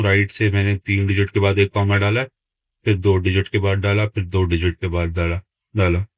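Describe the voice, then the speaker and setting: A man's voice: fairly low pitch, dry recording, low-quality recording. A man teaching a maths lesson, explaining step by step and dictating numbers word by word as he writes them. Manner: slow, deliberate, dictates numbers word by word while writing.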